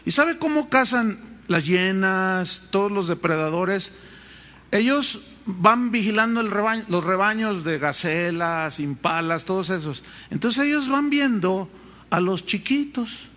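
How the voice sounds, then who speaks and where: A man preaching a sermon as pastor, telling animated stories and acting out voices. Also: high-pitched. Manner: animated storytelling, acts out voices.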